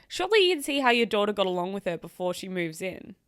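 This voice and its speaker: An outspoken woman hosts a casual reaction chat and talks straight to her viewers. She sounds animated and swears freely. Her voice sits in the middle of a woman's range, and the recording is dry and close with no room echo. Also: mid-range voice, fast, smooth. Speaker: host reacting to online stories.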